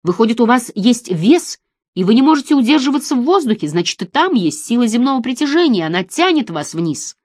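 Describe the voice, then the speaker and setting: A calm, skeptical man soothes and lectures in measured tones, as a woman reader voices him. The delivery stays lively in pitch. The recording is dry and close. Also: no echo. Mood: soothing. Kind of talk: audiobook reading.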